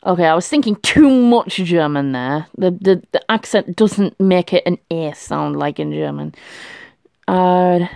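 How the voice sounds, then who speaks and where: A woman vlogger talks her way through a quiz in a slow, unhurried voice that swings up and down in pitch. She chats to herself and laughs a lot. The sound is dry and close. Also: expressive, creaky, darkish tone, no echo. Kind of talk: casual thinking aloud while doing a language quiz.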